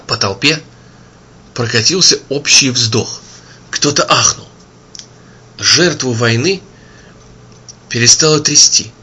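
A man reading an audiobook in an expressive storytelling manner. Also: mid-range voice, slow, long pauses, slightly rough. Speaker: audiobook narrator. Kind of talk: scripted narration.

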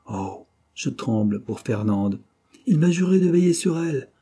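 A man reading a resolute young captive hero, earnest and pressing. The voice is dark and husky, close to the narrator's own. It is a storybook reading. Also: a little high, expressive, measured pace, pitched above the performer's own voice.

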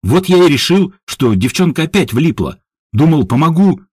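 A man's voice: a little high, big pitch swings, darkish tone, slightly rough, dry recording, studio quality, pitched above the performer's own voice. A man voicing a flustered young bodyguard who nervously makes excuses. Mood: defensive. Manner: hurried, excusing himself.

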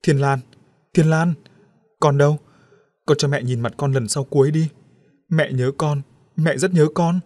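A man's voice: medium pitch, a little fast, a little mellow, dry recording, clean studio sound, natural voice. A man voicing a grieving middle-aged mother who cries out tearfully in a storybook reading. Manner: wailing, tearful.

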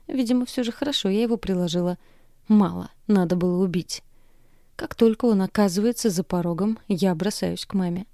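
A woman reading a first-person audiobook in a steady, measured way. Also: fairly low pitch, dry recording, studio quality. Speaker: audiobook narrator.

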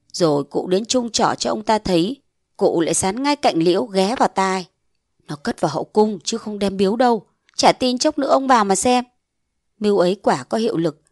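Woman narrating a lively village audiobook. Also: dry recording, studio quality. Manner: voices shouting villagers with rising pitch. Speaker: audiobook reader.

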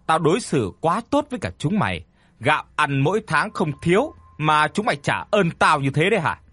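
A sadistic old landlord from a spoken horror story, sneering and contemptuous, as a male narrator puts him on. His pitch swings widely as he mocks, and the voice is slightly husky and close, with no room sound. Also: a bit bright, dry recording, exaggerated voice.

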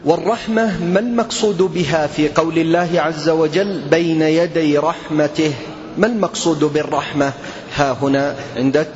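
A man's voice: fairly high pitch, fairly even intonation, normal speed. Man teaching in an echoey hall. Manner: quizzing students one by one, formal classical phrasing. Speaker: Islamic teacher. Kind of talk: question-and-answer lesson with students. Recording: echoey hall, dull lo-fi sound.

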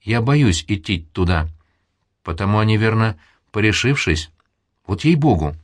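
A man's voice: on the low side, lively intonation, moderate pace, dry recording, clean studio sound. A man voicing a timid young maidservant who speaks in simple folksy phrases. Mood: fearful. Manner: timid, plain folksy speech.

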